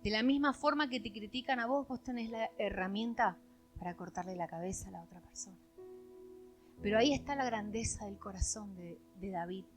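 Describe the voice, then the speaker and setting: A woman pastor with an Argentine accent preaching a sermon, swinging dramatically between loud declarations and hushed lines. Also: mid-range voice, fairly quick, soft background music. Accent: Argentine Spanish.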